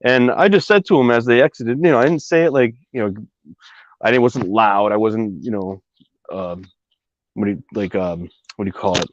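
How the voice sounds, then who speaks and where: A man's voice: on the low side, normal speed, dry recording. A man casually telling a long personal story, rambling with many fillers and asides. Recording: dry, slightly dull recording.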